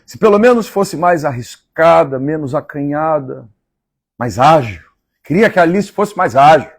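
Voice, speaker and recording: A man from Minas Gerais with a Mineiro Brazilian accent, reading a novel aloud on a live stream and pausing for chatty asides. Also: fairly high pitch, expressive, slightly rough, dry recording, studio quality. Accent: Mineiro Brazilian Portuguese. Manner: measured, repeats favorite lines and chats between passages.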